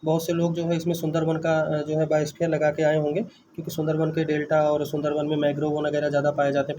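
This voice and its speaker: A man works steadily through an exam answer key, his voice fairly high but mellow. He talks in an even, flat line and keeps asking himself the answer again before repeating it. A faint hiss sits under the recording. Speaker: exam tutor. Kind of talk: solving an exam paper.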